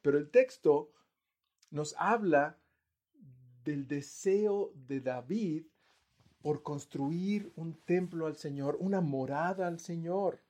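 Earnest man preaching a sermon. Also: a little mellow. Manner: earnest, pauses and restarts, voice swells then sinks low. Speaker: pastor.

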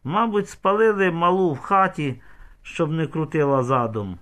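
A man's voice: fairly high pitch, normal speed, a bit bright, voice pushed up, natural voice. Man doing a coarse, sneering village man. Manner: crude, sneering.

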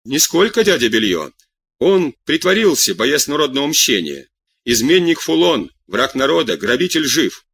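A man voicing an eager, excitable young man who tells his news breathlessly and humbly. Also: medium pitch, moderate pace, breathy edge, exaggerated voice. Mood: excited.

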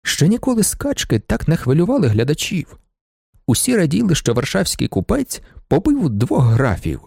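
A man reading a classic novel aloud as an audiobook narrator, in an animated, expressive manner. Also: a little high, normal speed, vocal fry, breathy edge, no room sound, clean studio sound. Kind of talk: scripted literary narration.

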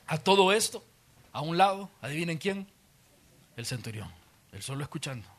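Male pastor, Salvadoran accent, high voice, dramatic storytelling sermon. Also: very animated, moderate pace, a bit bright. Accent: Salvadoran Spanish. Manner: dramatic storytelling, acting out scenes with many voices. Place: church auditorium.

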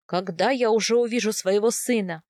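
A woman's voice: mid-range voice, normal speed, darkish tone, no room sound, clean studio sound, lightly acted. A woman voicing a grumbling young husband from the steppe, a reluctant healer who speaks steadily and tenderly to his wife.

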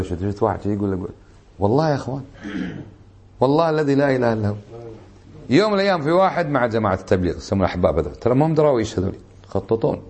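A man with a Kuwaiti Arabic accent, a sheikh teaching a religious lesson in a lively storytelling way, acting out the people he quotes. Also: medium pitch.

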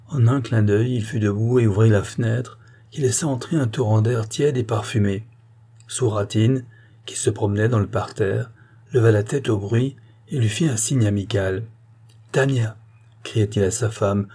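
A man reading a novel aloud as an audiobook, in measured, even narration. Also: fairly low pitch. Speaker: audiobook reader.

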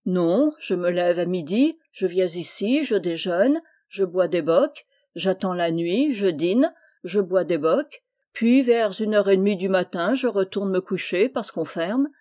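Idle middle-aged barfly, read by a woman, calm and even, resigned, dark mellow tone, audiobook story. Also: lowish voice, measured pace. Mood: weary, resigned. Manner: calm, even, world-weary delivery.

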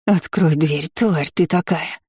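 A cruel, bullying middle-aged aunt played by a woman reading an audiobook hurls threats. Her voice is dark and mellow, and the sound is dry and close. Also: low voice, slow, husky, dry recording, exaggerated voice. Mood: threatening. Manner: shouting threats through a door.

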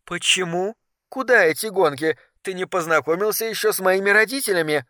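A man softly doing a careful, hesitant young woman in a storybook reading, her voice a little lifted and hushed, on a dry close recording with no room around it. she holds back and answers in short, guarded lines. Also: high voice, fairly quick, no echo, voice pushed up. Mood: stern. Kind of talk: audiobook character voice.

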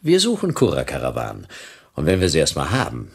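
An actor playing a stubborn private detective with a dry, sardonic manner in a radio drama. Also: male voice, very deep voice, huge pitch swings, fairly quick, gravelly, husky, exaggerated voice.

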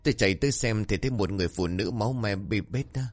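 A man narrating a horror story in a steady, measured way. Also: on the low side. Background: soft music.

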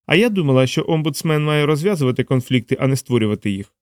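A man voicing a sharp-tongued young woman in an audiobook, playful and mocking. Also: medium pitch, animated, fast talker, clean tone, dry recording, studio quality, voice pushed up, lightly acted. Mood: teasing.

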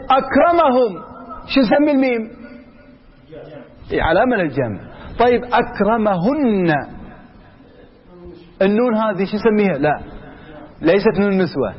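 A man's voice: high voice, lo-fi sound. A man teaching grammar in a classroom, quizzing his students and repeating example after example. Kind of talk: classroom lesson.

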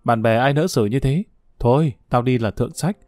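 Give me a man reading a boastful young male student who fancies himself a ladies' man, talking down to a younger friend in a mellow tone. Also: medium pitch, moderate pace, dry recording, studio quality, lightly acted. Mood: fretful. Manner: smug, lecturing a younger friend.

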